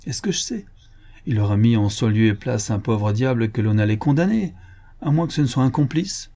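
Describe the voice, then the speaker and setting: A man's voice: mid-range voice, lively intonation, brisk, warm tone, close to an everyday voice. A man voicing an old, uneasy male police inspector in an audiobook, speaking earnestly and insistently.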